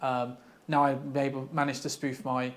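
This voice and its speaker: A man from cyber security, chatting casually and telling stories in an animated way with bursts of laughter. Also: medium pitch, normal speed. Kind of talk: casual discussion.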